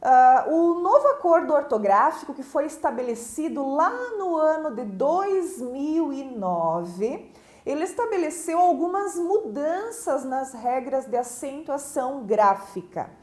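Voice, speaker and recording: A woman's voice: sits high, animated, a little slow. A woman teacher with a Brazilian Portuguese accent, giving a recorded school lesson and explaining step by step with frequent check-in questions. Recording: echoey room.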